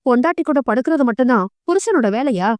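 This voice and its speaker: Narrator doing a wounded proud young wife, high and quick, dry close voice. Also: female voice, animated, no room sound. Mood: defiant. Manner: pleading, then sharp and defiant.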